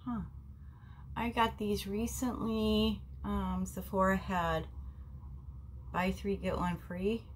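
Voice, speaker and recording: A beauty vlogger in her forties, nasal and stuffy from a cold, chats to her viewers about a face mask from a small bedroom at home, treating them like family and saying "um" a lot. Her medium-pitched voice stays level and slow with frequent pauses. The camera sits in front of her at desk distance, and a faint hiss or hum runs underneath.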